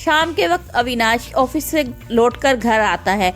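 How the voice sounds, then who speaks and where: A woman narrates an animated bedtime storybook in a plain, even storytelling manner. Her voice is high, and faint music runs softly behind her. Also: unhurried.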